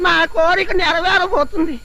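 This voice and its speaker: This is a very old, deaf bride who keeps mishearing what is said to her, played by a performer. Her voice is very high and bright, with a shaky, quavering edge. She is coy and bashful in a broad film comedy. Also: steady tone, moderate pace. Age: older. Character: deaf ancient spinster bride, shy and mishearing.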